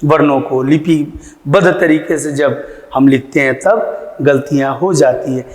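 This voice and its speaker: A man teaching Hindi grammar, repeating each word slowly to show its correct pronunciation. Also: on the high side, a little mellow. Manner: slow, deliberate, repeats words to correct pronunciation. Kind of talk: classroom lecture. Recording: echoey, roomy with long reverb.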